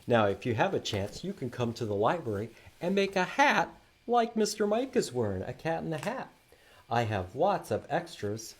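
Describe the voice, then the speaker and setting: At a library storytime, a man with a medium-pitched, slightly rough voice reads aloud and sings along with young children. He explains things simply and asks them lots of easy questions.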